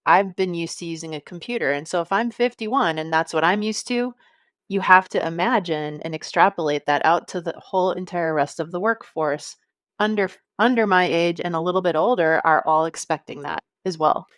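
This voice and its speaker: In a conversational podcast interview about marketing, a woman in her fifties speaks at a moderate pace in a fairly low voice with a fairly bright tone. She's friendly, laughs easily, and thinks aloud using fillers. The recording is studio quality, with no echo.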